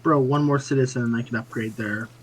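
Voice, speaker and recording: A co-streamer chatting excitedly about a space strategy game. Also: medium pitch, quick pace, rough recording. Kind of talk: casual gaming chat.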